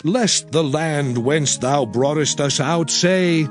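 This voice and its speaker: A man's voice: on the high side, takes it slowly. A man playing Moses, a solemn prophet addressing his people in a declamatory, dramatized scripture reading with archaic diction. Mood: pleading. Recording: music behind the voice. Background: background music.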